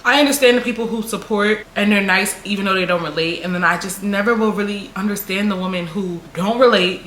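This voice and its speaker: A twenty-two-year-old woman talks straight to camera in a blunt, profane rant. Her voice has a bright, sharp edge to it. The room around her is noticeably echoey. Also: medium pitch. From Mount Vernon, New York. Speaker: vlogger. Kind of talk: casual talking-head rant.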